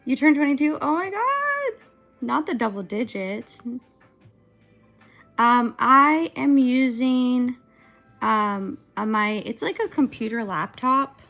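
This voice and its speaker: A young woman in her mid-twenties talks to her livestream chat while working on an animation. Her voice sits a little high with a gravelly, fry-laden texture. She meanders and hesitates, circling her thoughts with constant fillers, and soft music plays underneath. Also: expressive, slow pace. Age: 20s. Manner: rambling, hesitant, filler-heavy. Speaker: streamer and animator.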